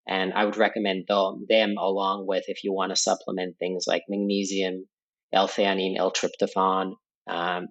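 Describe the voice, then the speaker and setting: Deep-voiced man explaining. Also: a bit bright. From Finland. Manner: thoughtful, explanatory, frequent fillers and restarts. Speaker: podcast guest, company founder. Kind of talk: conversational interview explanation.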